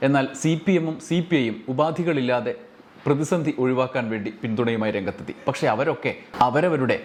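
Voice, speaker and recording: A man narrating a news report in a measured, explanatory way. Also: medium pitch.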